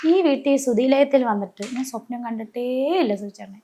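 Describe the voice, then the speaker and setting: A woman's voice: on the high side, brisk. A woman in an emotional personal interview, telling stories and acting out the voices of the people in them, often stopping to correct herself. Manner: animated storytelling, acting out quoted voices; frequent restarts and self-corrections.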